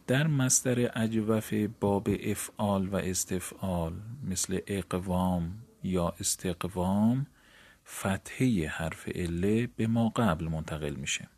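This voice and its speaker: Man, grammar lecture, deep voice, slightly husky, step-by-step explanation, seminary teacher. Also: darkish tone. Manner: methodical, spells out each step of a rule; seminary student speaking to fellow students. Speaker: teacher of Arabic morphology. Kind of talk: classroom lecture on grammar rules.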